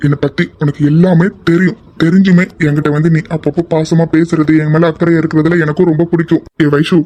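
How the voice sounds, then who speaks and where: A man's voice: on the high side, flat delivery, fast talker, darkish tone, natural voice. A man playing an earnest young lover. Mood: tender. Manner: earnest, tender, pleading. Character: feverish young man, affectionate and shy. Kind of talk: amateur audio drama acting.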